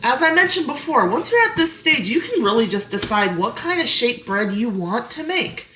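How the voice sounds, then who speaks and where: A woman with a slightly high voice chats her way through a home baking tutorial, relaxed and talking while she works the dough. She is recorded in an echoey kitchen. Clear background noise runs under her voice. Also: normal speed. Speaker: home baker showing a recipe. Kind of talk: casual cooking tutorial.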